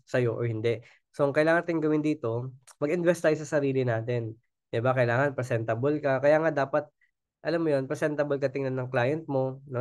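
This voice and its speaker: Coaxing Filipino man, smooth voice. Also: medium pitch, a little mellow, no echo, clean studio sound. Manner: keeps asking the audience "di ba?", chatty and coaxing. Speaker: sales trainer. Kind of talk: casual Taglish training talk.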